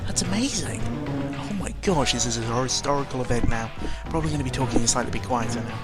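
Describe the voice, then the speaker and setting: Talking fast in a medium-pitched voice, a British man rambles through casual, unscripted game commentary full of sarcasm and a little swearing. He's recorded up close, with video game music in the background.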